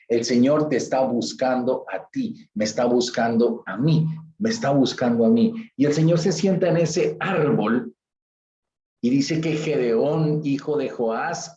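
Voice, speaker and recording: Male pastor, emphatic repetitive sermon delivery; warm, roomy church recording. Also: mid-range voice, a little slow, muffled recording, slight background noise. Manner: repetitive, emphatic preaching with rhetorical questions.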